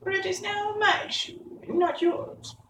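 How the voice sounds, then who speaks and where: A man voicing a wicked, spiteful old witch from a storybook in a shrill, wailing falsetto. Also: level tone, a little slow, fairly bright tone, full character voice. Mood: gloating, defiant. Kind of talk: storybook character reading. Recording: roomy, distant mic with background noise.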